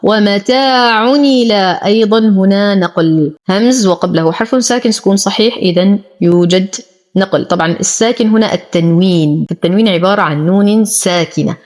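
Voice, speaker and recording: A woman teaching Quran recitation, chanting words slowly and drawn out, then explaining the pronunciation rules briskly. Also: medium pitch, darkish tone. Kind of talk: tajweed lesson, recitation with rule explanations.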